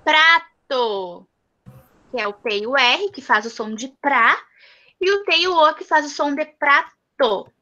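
A woman's voice: sits high, lively intonation, measured pace, bright, forceful tone, highs cut off. A woman teaching a class of young children over a video call, affectionate and coaxing, stretching out syllables. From southern Brazil. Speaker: primary school teacher.

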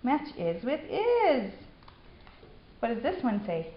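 A young woman patiently teaching her son sight words, giving steady praise. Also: on the high side, takes it slowly, slight background noise. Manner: encouraging, patient, repetitive praise. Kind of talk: one-on-one reading drill. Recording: echoey room, slightly dull home video.

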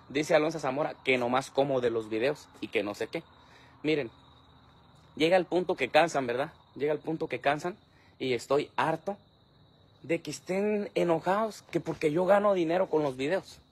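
A social media creator with a fairly high, breathy-edged voice films a selfie video rant outdoors at night, holding his phone at arm's length. He complains in an aggrieved, repetitive way and talks to his dog.

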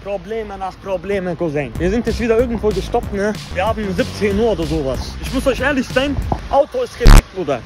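High-pitched young man. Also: lively intonation, brisk, few pauses, over music. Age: 20s. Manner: slangy, brash, loose broken grammar. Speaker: vlogger. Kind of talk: casual street-slang vlog chat. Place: cars and streets outdoors. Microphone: phone at arm's length.

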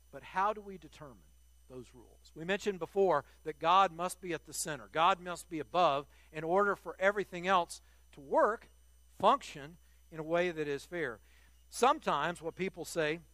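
High, bright-voiced older male preacher. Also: no room sound. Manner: earnest, emphatic, restarts phrases, addresses the congregation directly. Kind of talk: sermon.

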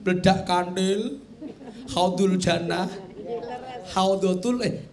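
High-voiced Javanese kyai joking in a sermon. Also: male voice, takes it slowly, a crowd in the background. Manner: joking, chatty, teasing the audience. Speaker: kyai, preacher. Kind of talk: humorous sermon. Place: TV studio with audience. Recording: audience noise behind.

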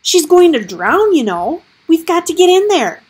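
Lady playing a stubborn kid hero, high and pushy, raspy breathy voice, audiobook. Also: lively intonation, moderate pace, full character voice. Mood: urgent. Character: anxious, stubborn young boy hero.

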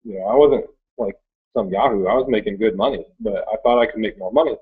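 A man in his thirties from Michigan, speaking with an American accent, rambles casually through his story as an online reseller. His voice sits fairly low and moves fast. He's in a small, cluttered indoor workroom, and the webcam audio sounds thin, almost like a phone.

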